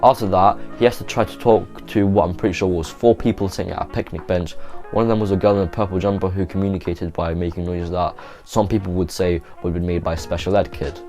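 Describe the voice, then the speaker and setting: Low-voiced man in offhand casual narration. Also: steady tone, fast, a little mellow, faint music behind. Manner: rambling and offhand, with lots of "like". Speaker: YouTube host.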